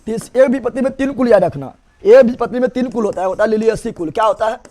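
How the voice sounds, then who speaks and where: A male teacher, giving a lesson that quickly quizzes the class and keeps repeating the key terms. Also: high voice, dark tone. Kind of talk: classroom-style online lesson.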